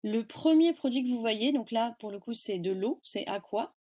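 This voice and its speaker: A woman's voice: on the high side, lively intonation, normal speed, mellow. A woman giving a webinar presentation, explaining terms step by step with frequent hesitations.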